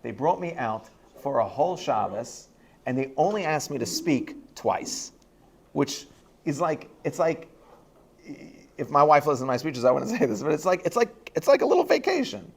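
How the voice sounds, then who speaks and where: A rabbi telling a self-deprecating funny story to a school audience, animated and laughing as he goes. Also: fairly high pitch, normal speed, creaky, breathy edge. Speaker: rabbi giving a talk at a high school. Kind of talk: humorous personal storytelling.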